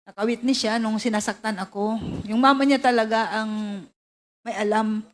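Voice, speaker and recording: A woman giving formal testimony as a witness in a hearing room, halting and polite, with many fillers. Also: fairly high pitch, fairly even intonation.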